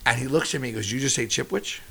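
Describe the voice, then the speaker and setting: A middle-aged man, a chef, chatting casually in an interview as an animated, slightly profane storyteller. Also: medium pitch, very fast, vocal fry, breathy edge.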